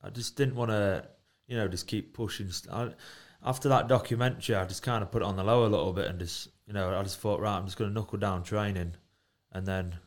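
A man's voice: on the low side, fast talker, hardly any pauses. A man, a fighter chatting casually as an interview guest. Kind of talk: casual podcast chat.

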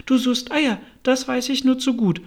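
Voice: high voice, fairly even intonation, moderate pace, voice pushed up. A reader voicing a fretful, indignant mother pigeon in a storybook. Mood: scornful. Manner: shrieking, indignant and scornful. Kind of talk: storybook reading.

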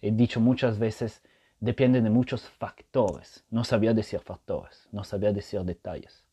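A man hosts a casual solo podcast, patiently explaining his point in Spanish he has learned and frequently checking in with listeners. His lowish voice is mellow and slightly rough, with fairly even intonation and an unhurried pace.

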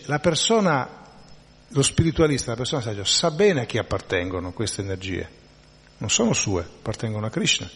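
A man's voice: on the low side, fairly bright tone, slightly rough, in a large hall. A man teaching a spiritual class in a conversational lecturing way, often checking in with his listeners and restarting his phrases. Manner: conversational, frequent tag questions and restarts.

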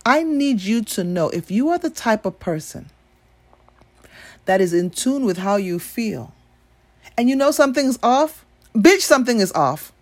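A woman's voice: a little high, very animated, unhurried, long pauses, dry recording. A woman from Nigeria giving a blunt, emphatic opinion monologue with free swearing.

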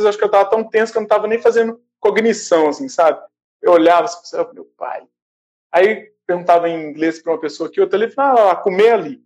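A Brazilian man casually recounting a stressful arrival on a trip, animated and acting out the people he met, laughing now and then. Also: high voice. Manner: animated, acts out quoted voices, laughs often. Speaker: traveler recounting his trip. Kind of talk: casual storytelling. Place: a small shared house, indoors.

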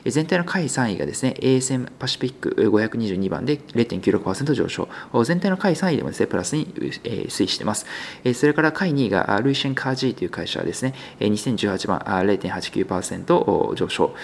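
A man's voice: mid-range voice, expressive, fast talker, vocal fry, a little hiss or hum. A male business news host talking through market figures in a conversational, unscripted way, with many filler sounds and hesitations. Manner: conversational, polite sign-off.

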